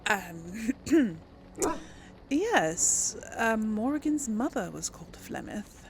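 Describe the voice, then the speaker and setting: A woman with a fairly high voice gives casual let's-play commentary, thinking aloud and answering game characters in role. Her pitch swings widely, she draws out words, and there's a little hiss or hum.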